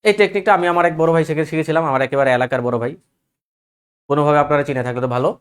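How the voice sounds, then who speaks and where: A man's voice: a little high, rapid-fire, clean tone. Man chanting English word lists rhythmically. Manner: mixes English phrases into explanation. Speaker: English teacher. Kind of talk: recorded grammar lesson.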